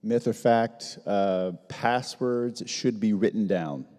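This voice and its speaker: A man moderating a seminar, putting quick quiz questions with a light, joking manner. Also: lowish voice, a little mellow. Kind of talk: casual seminar hosting. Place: seminar hall. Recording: echoey hall.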